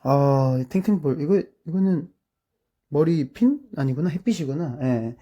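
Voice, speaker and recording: A young man from South Korea chatting casually through his childhood photos, with lots of drawn-out filler words and amused asides. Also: fairly high pitch, lively intonation, dark tone, lo-fi sound. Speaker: streamer.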